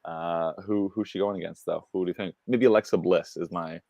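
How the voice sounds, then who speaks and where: A man's voice: low-pitched, steady tone, fairly quick, gravelly, warm tone, dry recording, highs cut off. A man co-hosting a wrestling news show, chatting casually and rambling with lots of fillers. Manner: rambling, heavy use of "like" and fillers. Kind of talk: casual chat.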